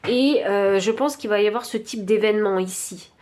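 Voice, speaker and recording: A woman with a French accent giving an intuitive tarot reading, thinking aloud with many pauses and fillers. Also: medium pitch, a little mellow. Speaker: tarot card reader.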